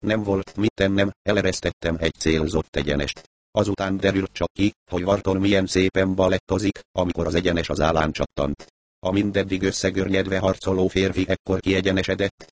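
A male narrator reads a first-person adventure story with a wry, storytelling touch. His voice is deep, and the recording is dry and close with no room sound. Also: fairly even intonation, dry recording. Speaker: audiobook narrator.

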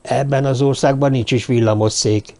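A man's voice: medium pitch, steady tone, warm tone, natural voice. A man voicing an eager, self-important dwarf who spreads news. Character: young dwarf man, know-it-all and gossipy.

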